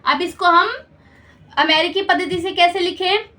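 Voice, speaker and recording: A woman's voice: very high-pitched, steady tone, unhurried, bright, forceful tone. A woman teaching a school maths lesson step by step, patiently explaining and checking understanding with questions.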